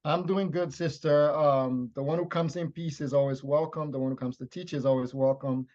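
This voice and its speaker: A man's voice: on the high side, fairly even intonation, normal speed, a little mellow, lo-fi sound. A man from Liberia teaching in a lecture style, stressing his points with repeated phrases. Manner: emphatic, repetitive teaching phrases.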